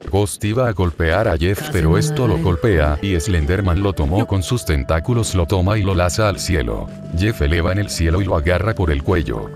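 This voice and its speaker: A man in scripted story narration, reading a fanfic steadily, with loud background music. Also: low voice, animated, moderate pace, hardly any pauses.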